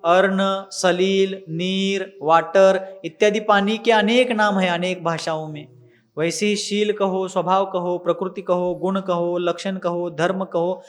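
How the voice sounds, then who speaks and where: A man teaching a religious text, patiently drilling pronunciation word by word and then explaining each term. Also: high voice. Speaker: scripture teacher.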